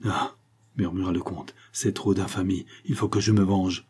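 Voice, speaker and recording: A man's voice: deep voice, fairly even intonation, moderate pace, mellow, breathy edge. A man reading a furious young Russian count. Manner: agitated, vehement outbursts. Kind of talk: audiobook character reading.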